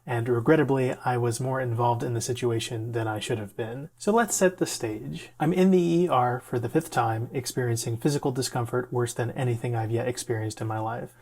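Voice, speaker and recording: A man's voice: mid-range voice, a little fast, hardly any pauses, a little mellow. A man telling a personal story in a conversational, self-deprecating way, with the odd laugh. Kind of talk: storytelling vlog.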